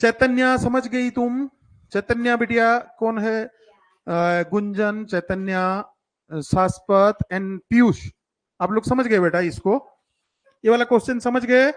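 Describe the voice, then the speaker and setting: A man's voice: sits high, steady tone, takes it slowly. A man teaching children math in a live online class, coaxing and teasing his pupils and mixing English terms into his talk. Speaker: coaching teacher for school entrance exams.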